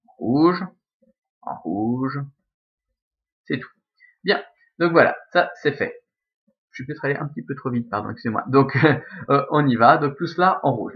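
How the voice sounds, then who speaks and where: A man with a Belgian French accent teaching a recorded Latin lesson, explaining step by step with many fillers and self-corrections. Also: medium pitch. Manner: patient, methodical, with frequent fillers and self-corrections. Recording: slightly dull lo-fi sound.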